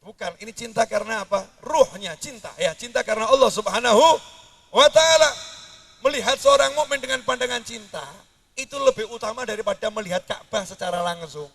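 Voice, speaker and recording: A man preaches a sermon in a very high, gravelly voice. His delivery swings wildly in pitch, from sudden high outbursts down to low mutters. He sounds set back from the microphone. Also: very animated, a little fast, fairly bright tone, dry recording, distant mic.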